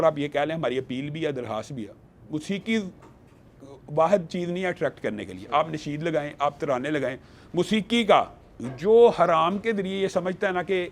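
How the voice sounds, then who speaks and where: A man speaking emphatically as a panelist in a studio discussion, quoting scripture to build his argument. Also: fairly high pitch. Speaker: religious panelist.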